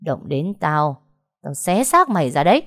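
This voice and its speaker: A woman's voice: low-pitched, sing-song, a little slow, fairly bright tone, no room sound, studio quality, full character voice. A woman voicing a fierce, foul-mouthed young woman who scolds and threatens bluntly in a storybook reading. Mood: taunting.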